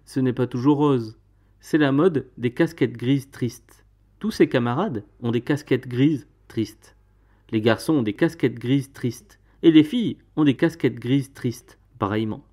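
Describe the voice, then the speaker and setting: A man with a mid-range voice reads a children's picture book aloud, using an expressive storytelling delivery.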